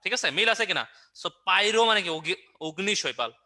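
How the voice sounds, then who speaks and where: A man runs an online review class, firing quick questions at his students and answering them himself with jokey memory tricks. His voice sits fairly high and sounds very bright and sharp. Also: lively intonation. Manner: playful and joking. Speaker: online biology teacher.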